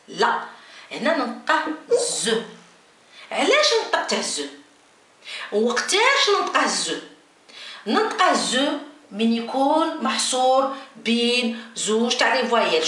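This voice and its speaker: A woman teaching a beginners' French lesson, slowly repeating letters and words as she explains. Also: high-pitched, a bit bright. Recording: echoey room, mic at a distance, faint noise.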